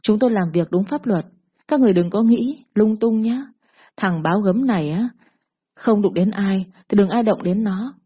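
A woman's voice: mid-range voice, normal speed, husky, lightly acted. A woman voicing a cocky, lewd male gangster loan shark who talks in a sneering, bullying drawl. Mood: menacing. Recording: dull lo-fi recording.

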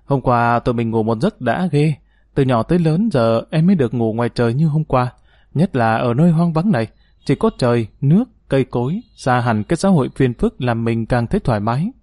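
Brief: lively young woman in an audiobook, read by a man, teasing and affectionate, raised voice, dry close sound. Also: medium pitch, fairly quick, no room sound, natural voice. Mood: content. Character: spirited young woman, affectionate, plain-spoken.

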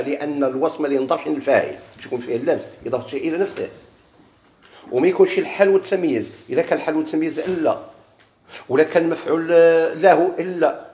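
A man's voice: on the high side, a little mellow, a little hiss or hum. A man with a Moroccan Arabic accent teaching a grammar lesson in a classroom, putting questions to his students and then answering them himself. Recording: echoey room.

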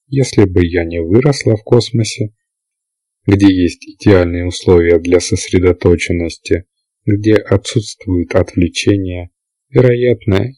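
A man reading the lines of a calm, self-assured half-alien young woman in an audiobook, explaining things in an even way. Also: deep voice, no room sound, poor audio. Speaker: character in an audiobook.

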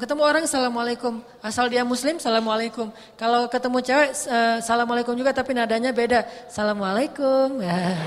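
A man's voice: very high voice, a bit bright. A male preacher with a lilt giving a casual evening sermon, playful and acting out little dialogues. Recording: long hall reverb.

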